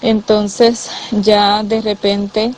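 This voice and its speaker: A woman giving a personal testimony of a vision, halting with many fillers and restarts, and voicing the dialogue with feeling. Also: medium pitch, flat delivery, darkish tone, a little hiss or hum, rough recording. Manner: quotes dialogue with emotion. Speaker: church member telling a vision.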